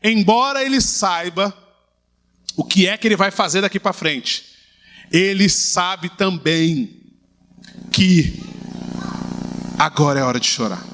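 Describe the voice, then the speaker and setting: Man, middle-aged, pastor, high voice, humorous lively sermon. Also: slow, long pauses. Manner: lively, humorous preaching with acted asides.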